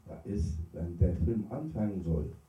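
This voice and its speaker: A low, very dark-toned man preaches slowly, letting his pitch rise and fall freely as he tells a story. He is a Sufi sheikh who is not a native speaker, and he chuckles at his own jokes. The sound is roomy, picked up from a distance in a hall. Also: animated. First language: not German. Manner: unhurried, pausing, laughs at his own jokes. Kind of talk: sermon with storytelling.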